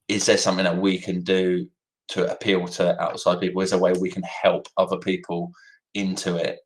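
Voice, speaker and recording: Guy, low flat voice, casual voice chat host, stumbles and restarts a lot. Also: rough recording. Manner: hesitant, repeats words and restarts often. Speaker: community team member on a crypto project voice chat.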